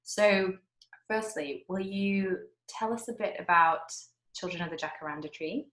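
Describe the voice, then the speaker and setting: A woman's voice: fairly low pitch, unhurried, fairly bright tone, echoey room, rough recording. A woman hosting a casual interview with an author over a video call, chatty and full of asides. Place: indoors at home.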